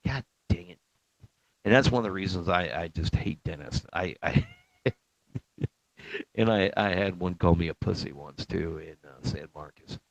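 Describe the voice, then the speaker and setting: A middle-aged Marine veteran with a deep voice and vocal fry tells a rambling story about boot camp at a normal speed. His talk is casual and profane, broken by frequent chuckles, on a dull, dry lo-fi recording.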